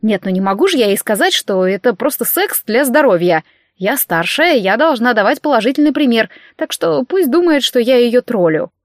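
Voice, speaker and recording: A woman narrating a novel in first person with lively, wry storytelling. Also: on the high side, normal speed, dry recording, clean studio sound. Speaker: audiobook narrator.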